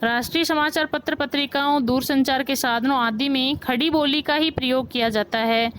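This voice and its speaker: High-voiced Hindi teacher woman lecturing. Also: a little hiss or hum, low-quality recording. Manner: explains with questions to students, repeats key points. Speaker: school teacher. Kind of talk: classroom grammar lesson.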